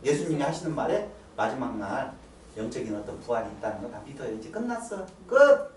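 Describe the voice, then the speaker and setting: A middle-aged male pastor preaching in a church, animated and coaxing his listeners to answer his questions. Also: mid-range voice, fast talker. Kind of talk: lively sermon with questions to the congregation. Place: church sanctuary. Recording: roomy sound from a distant mic, faint ambience.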